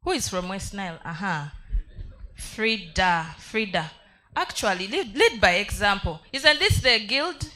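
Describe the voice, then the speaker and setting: A woman's voice: medium pitch, expressive, a little slow, sharp tone. A woman with a Ugandan accent informally hosting a live audience, playfully coaxing people to take part. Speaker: event host.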